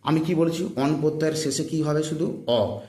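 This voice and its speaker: A man's voice: on the high side, moderate pace, mellow, roomy sound. A male teacher giving an exam-prep grammar lesson, drilling his students with repeated questions and answers. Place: room, filmed with handheld phone. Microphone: handheld phone.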